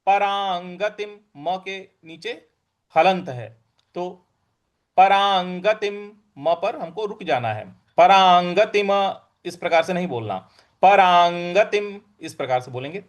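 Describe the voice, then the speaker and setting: A man teaching Sanskrit verse pronunciation, saying each word slowly and repeating it with careful stress. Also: sits high. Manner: chants invocation verses in measured tones. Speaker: scripture recitation teacher.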